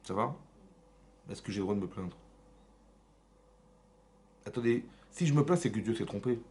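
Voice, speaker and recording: A man teaching a Torah class in a synagogue, lively and often checking in with his listeners. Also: on the low side, moderate pace. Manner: lively, asks frequent check-in questions, mixes Hebrew terms. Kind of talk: animated Torah lesson with questions to the audience.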